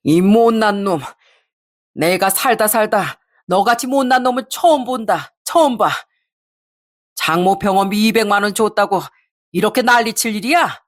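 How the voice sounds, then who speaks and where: A woman voicing a stern, furious older father who scolds his son-in-law loudly. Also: medium pitch, moderate pace, lightly acted. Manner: scolding, shouting.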